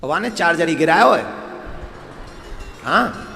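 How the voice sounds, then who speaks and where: Male preacher, gravelly and lively, doing voices of family members in a roomy hall. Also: a little high, normal speed. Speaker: spiritual storyteller. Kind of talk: devotional sermon with comic anecdotes. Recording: echoey hall with faint music.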